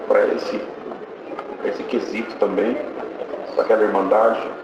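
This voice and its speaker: A man's voice: on the low side, level tone, a little slow, gravelly, far from the mic. A Brazilian man with a Brazilian Portuguese accent, giving a fervent church testimony that he keeps breaking up with cries of praise. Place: church hall. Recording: muffled, echoey church hall with noise.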